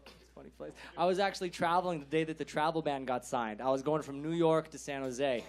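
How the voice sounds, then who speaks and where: A man's voice: fairly high pitch, fast talker. A man from California with an American accent doing a stand-up set in a casual, slangy way, laughing often. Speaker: stand-up comedian.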